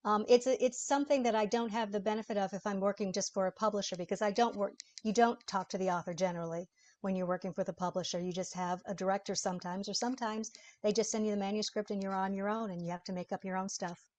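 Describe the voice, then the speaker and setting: A woman's voice: mid-range voice, fairly even intonation, quick pace, darkish tone. A woman voice actor talking through her work in an interview, chatty and explanatory, laughing easily. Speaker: voice actor guest. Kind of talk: interview conversation.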